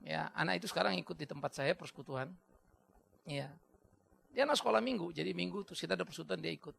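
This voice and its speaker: A male pastor delivers a sermon in a strongly gravelly, bright and sharp voice that sits high for a man. He swings between loud, pressing exhortation and soft storytelling. He drives home key phrases by repeating them and slips English words into his talk. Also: fast talker, a little hiss or hum.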